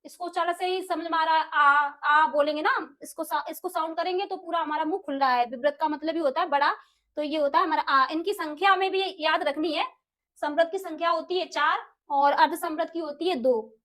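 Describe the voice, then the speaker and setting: A young woman teaching an exam-prep Hindi lesson, asking questions and answering them herself, repeating key terms and sounding out vowels slowly. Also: extremely high pitch, fairly bright tone. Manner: addresses viewers as friends, asks and answers own questions.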